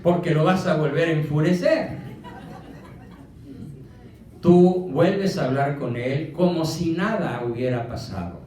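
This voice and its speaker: A man's voice: on the high side, expressive, slow pace, pauses often, mellow, a little hiss or hum. A man with a Mexican accent giving a motivational lecture, firing rhetorical questions at his audience. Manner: emphatic, fires rhetorical questions. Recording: echoey room from a distant mic.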